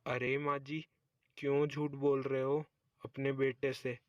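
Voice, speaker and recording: A man's voice: medium pitch, level tone, measured pace, dry recording, muffled recording, natural voice. A man voicing a patient, dutiful young daughter-in-law in a cartoon story, polite and obliging. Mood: protesting.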